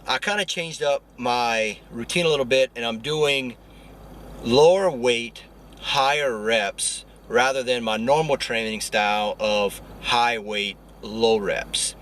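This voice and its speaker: A young man talking quickly and chattily to the camera as a fitness vlogger. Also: mid-range voice, a bit bright, slight background noise. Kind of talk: casual vlog talk. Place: gym.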